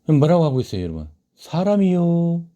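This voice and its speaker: A man's voice: lowish voice, lively intonation, a little slow, warm tone, highs cut off. A man teaching a literature lesson, who asks the class questions and then answers them himself. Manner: reads quoted lines aloud in a raised voice. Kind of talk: classroom lecture on a short story.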